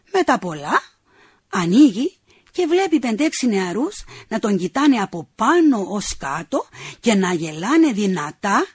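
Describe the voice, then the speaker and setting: A woman reads a humorous short story aloud, with much rise and fall in her pitch. Her voice is slightly husky. The recording is dry and close, with no room sound. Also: no echo. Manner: lively, expressive narration.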